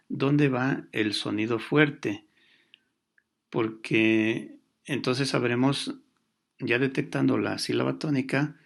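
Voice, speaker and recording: Gravelly-voiced man teaching a lesson. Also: mid-range voice. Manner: patient, explanatory, with pauses and fillers. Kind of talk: recorded grammar lesson.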